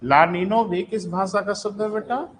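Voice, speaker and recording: A male teacher with a fairly high voice running a live online class. He dictates notes slowly and keeps checking in with his students, calling them "beta". Faint noise runs underneath. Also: fairly bright tone, rough recording.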